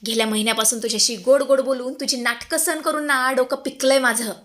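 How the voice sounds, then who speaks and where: A woman's voice: high voice, fairly even intonation, fast talker, fairly bright tone. A woman voicing a drunk, scheming young woman who taunts her family. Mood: drunken taunting. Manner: taunting, sneering.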